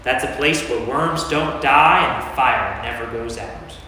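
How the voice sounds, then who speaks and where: Forceful, declamatory Jesus, acted by a man. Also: mid-range voice, a little slow. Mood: firm, warning. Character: Jesus, stern commanding male teacher. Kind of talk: amateur staged Bible reading. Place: large church interior. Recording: echoey church hall from far off, faint noise.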